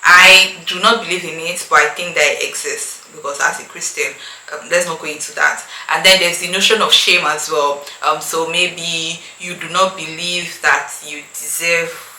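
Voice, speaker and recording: Speaking to camera in an echoey room with faint noise behind her, a Nigerian-accented woman gives her opinions casually and emphatically as a YouTube host. Her voice sits on the low side, steady and sharp, at a normal speed.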